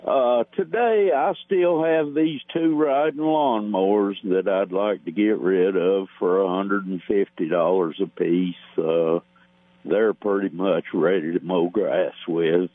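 A man calling in over the phone to a radio show, plainly listing items to sell and wanted parts, with many filler pauses. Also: deep voice. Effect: heard over the phone. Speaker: caller. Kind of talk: call-in classified listing. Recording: tinny phone line with hum.

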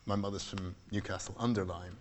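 A middle-aged astronomer, English-born but raised in Scotland, answers questions onstage before a live audience in an echoey hall. His voice is low and steady with a brisk pace, slightly hissy or humming, and he comes across mild and hesitant with dry wit.

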